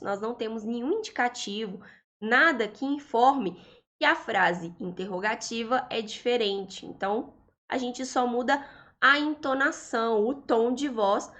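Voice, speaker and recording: A woman's voice: fairly high pitch, fairly bright tone. A woman from Brazil with a Brazilian Portuguese accent, teaching English in an online lesson and patiently explaining grammar. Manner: slow, patient explaining, stretching out English examples.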